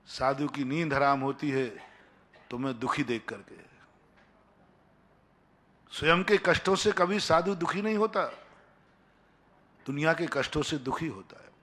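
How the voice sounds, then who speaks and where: Fairly high-voiced monk preaching. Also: male voice, measured pace, pauses often, a bit bright. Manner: pleading, repetitive exhortation with dialogue-like anecdotes. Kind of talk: sermon.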